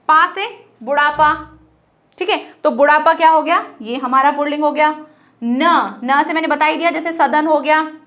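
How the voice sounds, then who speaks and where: Woman teacher w a high voice, grammar lesson, keeps asking stuff n answering it herself. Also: a bit bright. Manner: asks questions and answers them herself, repeats example phrases. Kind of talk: classroom-style grammar lesson.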